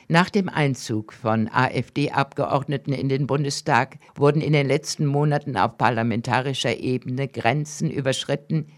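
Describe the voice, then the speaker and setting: A man delivering a prepared commentary at an even, mid-pitched level. His reading is measured and deliberate, and he slows down on the phrases he wants to land. He sounds like an opinion piece read out on air. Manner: measured, deliberate reading with slowed emphatic stretches.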